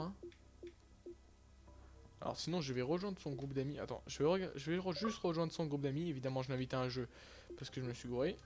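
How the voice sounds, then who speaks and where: A young man giving casual, rambling live commentary over his own gameplay, with lots of fillers and restarts. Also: mid-range voice. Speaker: gaming YouTuber.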